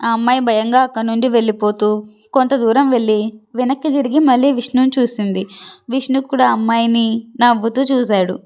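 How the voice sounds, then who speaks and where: A woman tells a serialized love story with steady, expressive narration. Her voice sits a little high. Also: fairly quick, muffled recording.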